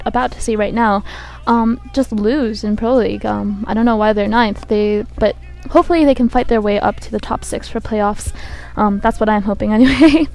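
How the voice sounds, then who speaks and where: A woman with a croaky voice from a cold gives hesitant esports commentary, thinking aloud as she goes. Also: a little high, a little mellow. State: has a cold. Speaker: game commentator. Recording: buzzy microphone.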